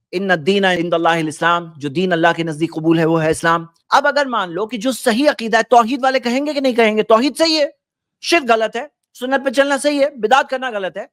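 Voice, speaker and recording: Preacher, male, high-pitched, dry close sound, lectures through rhetorical questions. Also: a bit bright, dry recording. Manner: explains with rhetorical questions, quotes Arabic then translates. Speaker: Islamic preacher. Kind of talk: religious talk.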